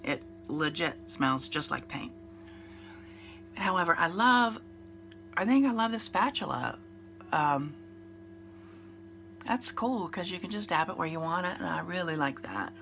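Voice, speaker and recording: A beauty vlogger in her fifties, congested from a cold, chats through her makeup routine in a rambling, casual way with fillers and restarts. Her fairly low, nasal voice is expressive and gravelly with a fairly bright tone, moving at a measured pace with frequent pauses. Soft music plays behind her.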